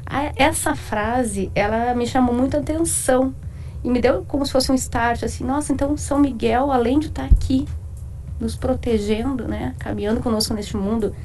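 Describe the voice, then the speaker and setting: In a radio studio interview, a woman from Porto Alegre with a southern Brazilian accent talks about her faith as a guest author, frequently tacking on tag questions. Her voice is a little high and darkish, at normal speed, with a little hiss or hum in the recording.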